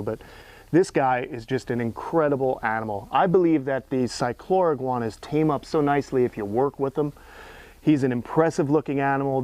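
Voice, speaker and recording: A man with a medium-pitched, slightly mellow voice, recorded with no room sound, hosts an educational animal tour outdoors among the enclosures. He speaks casually and emphatically, admiring the animals as an enthusiastic host and keeper.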